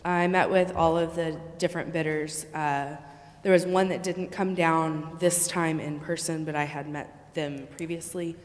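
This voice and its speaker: Hesitant and apologetic, a staff member answers questions while presenting bids to a city council at a public meeting. The medium-pitched voice moves at a measured pace with fairly even intonation, echoing through the indoor council chamber.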